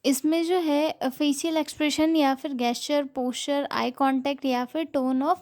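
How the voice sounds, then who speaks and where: High-voiced woman tutoring nursing students. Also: steady tone, a little mellow. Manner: reads English note lines slowly, then explains them, saying "ठीक है" often; frequent filler pauses. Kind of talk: explanatory lecture mixing Hindi and English.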